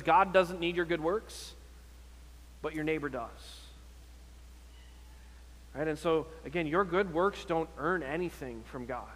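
The sermon audio has a long hall reverb, and the preaching pastor's voice is fairly high-pitched and a little bright. He's earnest and exhortative, leaning on rhetorical questions and repeated phrases.

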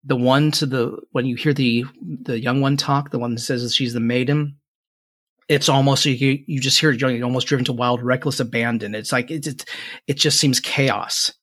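A man with a mid-pitched voice works as game master, improvising scenes for a tabletop fantasy game. He describes things in halting pieces, rephrasing as he goes. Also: fairly even intonation, fairly bright tone.

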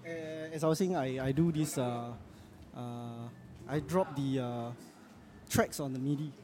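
A man's voice: mid-range voice, unhurried, crowd noise. A man with a Singaporean accent hosting a casual podcast on the go, talking informally with Singlish particles. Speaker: podcast host. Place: out and about in a public place. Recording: noisy ambience of a public place.

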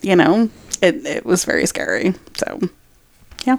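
A woman co-hosting a podcast, telling a story in casual chat with lots of swearing and animated retelling. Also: on the low side, a little slow, creaky. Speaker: podcast co-host.

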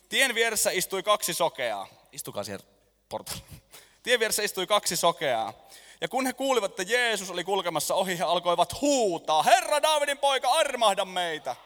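A man preaches to a congregation in a lively, joking way, staging little skits with volunteers and pausing for laughter. His voice sits slightly high. A long echo from the large hall follows every phrase. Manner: animated, jokey, lets the room laugh. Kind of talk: lively sermon with audience skit. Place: church hall.

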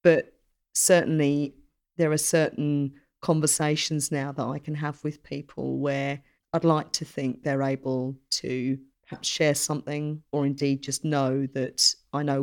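Earnest middle-aged woman in conversation. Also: low-pitched. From Essex, England. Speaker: podcast guest, journalist and army reservist. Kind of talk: reflective conversational interview.

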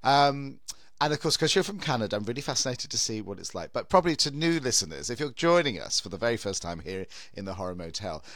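A British man in his fifties hosts a casual podcast chat. His pitch moves around a great deal as he rambles through false starts, recorded dry and close. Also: sing-song, fast talker, a bit bright, no echo. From United Kingdom. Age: 50s. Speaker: podcast host, drag queen horror host.

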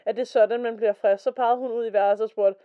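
A woman with a fairly high, fairly even-toned voice co-hosts a casual podcast, reading stories aloud and chatting. She's chatty and slows down when reading quotes. The recording is dull and lo-fi.

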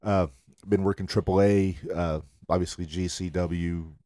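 Deep-voiced man co-hosting a podcast. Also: flat delivery, measured pace, mellow, no room sound, studio quality. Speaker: podcast co-host. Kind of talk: casual chat.

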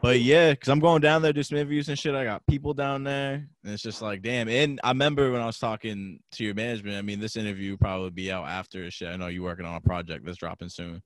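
A man's voice: fairly low pitch, fairly even intonation, fast, hardly any pauses, dry recording, clean studio sound. A young man hosting an interview over a video call, talking loosely with slang and casual swearing. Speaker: interviewer, podcast host.

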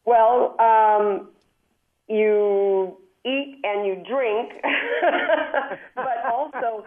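A woman's voice: on the high side, extremely slow. A woman hosting a call-in travel show from a speakerphone, chatty and upbeat, explaining at length. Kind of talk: call-in radio advice. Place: hotel room far from studio, calling in. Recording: tinny speakerphone line.

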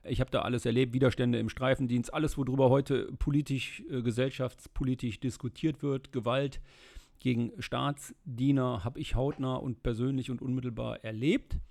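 A middle-aged man from the Rhineland talks in a casual interview. His voice is gravelly and mid-pitched. He answers at length in a steady way, dotted with filler sounds. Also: moderate pace. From Germany, Rhineland. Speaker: interview guest, state politician.

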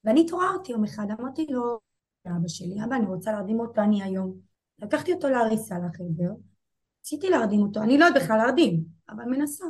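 Young woman in her 20s, kinda high voice, stumbling and repeating herself telling a rough story to an interviewer. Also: expressive, a little mellow. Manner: halting, repeats herself, voices rise and fall with emotion. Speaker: guest. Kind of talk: emotional personal interview.

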